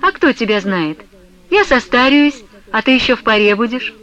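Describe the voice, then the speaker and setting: A woman reading the lines of an anxious, tearful older merchant widow, worried and plaintive, pitched higher than her narration. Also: animated, moderate pace, fairly bright tone, dull audio.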